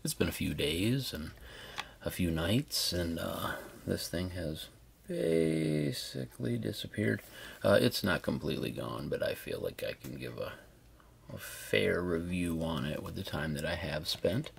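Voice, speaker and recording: A man's voice: low-pitched, lively intonation, unhurried, creaky, slightly rough. A man giving a casual hands-on product review in an informal, chatty, exclamatory way.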